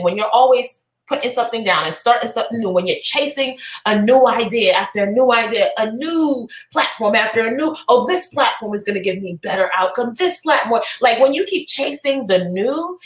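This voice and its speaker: A woman podcast co-host and business coach giving an energetic, preachy motivational talk that bursts into shouts and cheers. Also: mid-range voice, roomy sound, rough recording.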